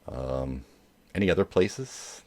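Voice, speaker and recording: A man's voice: extremely low pitch, animated, takes it slowly, a little mellow. A man hosting a joke show in casual chat, rambling along with many hesitations. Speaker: host of a dad joke show.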